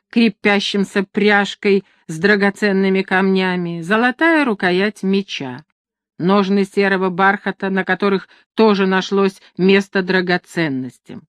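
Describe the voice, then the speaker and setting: Woman reading a novel aloud, even expressive storytelling, dry close mic. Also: mid-range voice, no echo. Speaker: audiobook narrator. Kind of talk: scripted narration.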